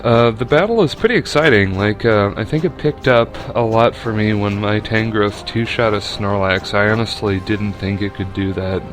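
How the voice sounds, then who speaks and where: A man's voice: fairly low pitch, steady tone, moderate pace, hardly any pauses, faint music behind. A young man giving casual, rambling commentary over a video game battle, with lots of fillers and restarts.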